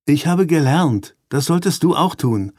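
A man's voice: on the high side, animated, unhurried, a little mellow, dry recording, studio quality, pitched above the performer's own voice. A man voicing a bold eleven-year-old boy, the older brother, with a firm, scolding manner.

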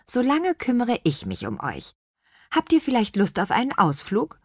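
A woman voicing a kind, caring witch who reassures her hens in a gentle, lively way. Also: on the high side, normal speed, slightly rough, no echo, clean studio sound, voice pushed up, exaggerated voice. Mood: inviting.

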